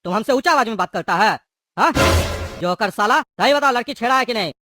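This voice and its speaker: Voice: mid-range voice, animated, brisk, bright, forceful tone, no room sound. Someone voicing a bullying cartoon thug. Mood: menacing. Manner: bullying, mocking, threatening. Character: menacing male thug prisoner called Psycho Genda. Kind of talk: cartoon voice acting.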